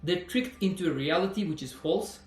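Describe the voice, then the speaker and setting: High-voiced man in echoey room. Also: moderate pace. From Norway. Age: 20s. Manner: earnest, repeats himself, frequent "you know". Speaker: personal trainer. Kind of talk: earnest fitness vlog monologue.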